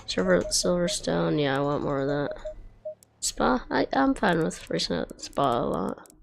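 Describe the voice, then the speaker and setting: A woman's voice: fairly low pitch, sing-song, a little slow, vocal fry. A woman streaming a racing game, chatting casually and muttering to herself as she drives and talks to chat. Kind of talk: casual livestream commentary while racing. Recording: loud background music over voice. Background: background music.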